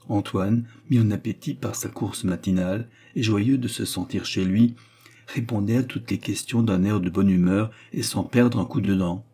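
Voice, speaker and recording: A man narrating a classic novel as an audiobook in a measured, even way. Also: lowish voice, husky.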